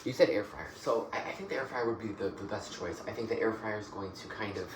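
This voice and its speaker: Low-pitched soft-spoken ASMR man, noisy clicks. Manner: halting, repeats and rephrases phrases. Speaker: ASMR performer playing a job interviewer. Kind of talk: soft-spoken ASMR role-play of a job interview. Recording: noisy, with clicking and typing sounds.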